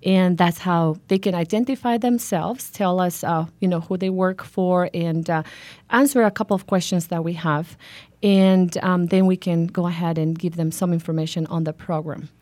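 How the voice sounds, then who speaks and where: A woman's voice: lowish voice, fairly even intonation, normal speed, a little mellow, no room sound. A middle-aged woman from Honduras, a guest in a radio interview, speaking earnestly and hesitantly with many fillers. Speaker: guest, foundation founder.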